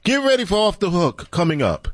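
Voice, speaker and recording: A man reads live station announcements on the radio. His mid-range voice is animated and very dry. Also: sits high, fairly quick, no echo. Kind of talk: live pledge and programme announcement.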